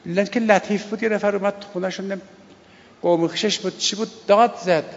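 Male preacher, gravelly and a bit high, who slowly chants the prayer and then explains it conversationally, on a dull recording. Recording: lo-fi recording with long hall reverb.

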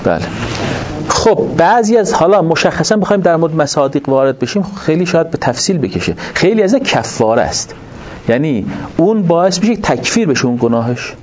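A man giving a religious lecture to an audience, explaining points in an animated way and asking rhetorical questions. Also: fairly high pitch. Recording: dull lo-fi recording with faint noise.

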